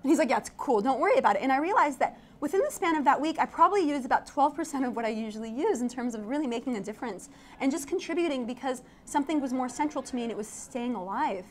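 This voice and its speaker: A woman's voice: high voice, lively intonation, fast, slight background noise. A young woman from Iraq, an architect and tech founder, chatting animatedly as an interview guest and laughing often. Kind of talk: casual interview chat. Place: event studio.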